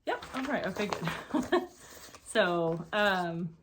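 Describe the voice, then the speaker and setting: A woman's voice: fairly low pitch, expressive, slow, very noisy. A woman hosting her knitting podcast at home, chatting casually and rambling with lots of fillers and asides. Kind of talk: casual chat.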